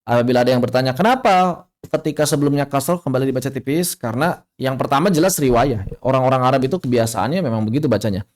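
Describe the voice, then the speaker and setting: A man teaching Quran recitation rules in an online class, calmly explaining and then slowly modeling each example. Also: medium pitch. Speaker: tajwid teacher.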